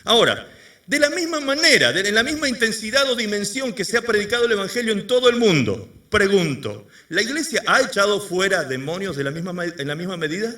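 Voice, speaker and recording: A man's voice: high-pitched, very animated, brisk, sharp tone, distant mic. A man preaching a sermon to a church congregation, firing rhetorical questions at the people. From Argentina. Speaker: pastor. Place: church service before a congregation.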